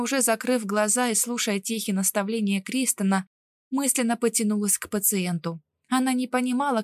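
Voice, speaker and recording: A woman narrating a fantasy novel in an even, measured storytelling voice. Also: fairly high pitch, no room sound. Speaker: audiobook narrator.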